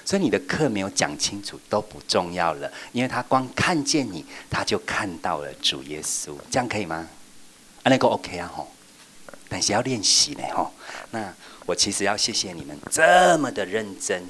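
A man training children's church teachers in a workshop, playful and lively, acting out examples as he goes. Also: fairly low pitch.

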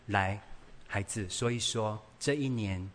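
A man voicing a meek, apologetic mother who speaks softly and hesitantly. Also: fairly low pitch, slow pace, a little hiss or hum. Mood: pleading. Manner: soft, submissive, hesitant.

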